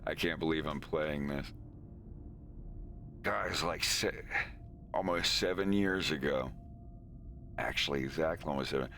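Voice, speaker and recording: A man's voice: extremely low pitch, a little slow, pauses often, fairly bright tone, slight background noise. An American man from Florida in casual, rambling stream chat. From Florida, United States. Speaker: animator and streamer.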